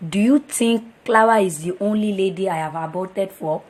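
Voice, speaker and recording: An actor with a Nigerian accent playing a careless young womanizing boyfriend, husky and mocking in manner. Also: high voice, moderate pace. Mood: boastful. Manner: mocking, boastful. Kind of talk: film drama acting.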